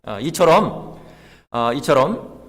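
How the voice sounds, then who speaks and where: Male pastor preaching, storytelling, gets emphatic, mid pitch, big echoey church. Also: sing-song, slow, a bit bright. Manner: storytelling, emphatic build-ups. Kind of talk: sermon. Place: church sanctuary. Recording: long church hall reverb.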